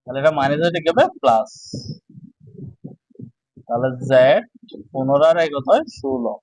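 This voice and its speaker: Slow man teaching math. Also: fairly high pitch, very animated, vocal fry, a little mellow, dry recording, highs cut off. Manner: slow, repetitive, asks and answers own questions. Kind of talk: casual classroom lesson.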